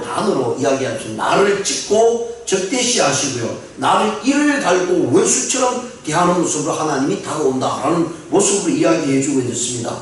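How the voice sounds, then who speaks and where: A man preaching an earnest dawn sermon, his voice sitting a little high and rising as he stresses key points. He is heard from some distance in a strongly echoing church sanctuary, with a faint hiss behind him. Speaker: pastor. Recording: very echoey room, mic at a distance.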